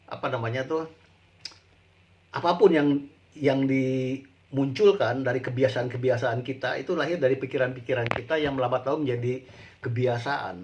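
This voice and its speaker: A middle-aged man giving an informal spoken lecture to students, explaining slowly and repeating himself with frequent tag words. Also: mid-range voice. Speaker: university lecturer.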